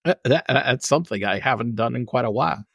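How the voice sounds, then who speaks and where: Male podcast co-host, middle pitch, dry close mic, offhand and teasing. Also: quick pace, creaky, slightly rough, no room sound. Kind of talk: casual podcast chat.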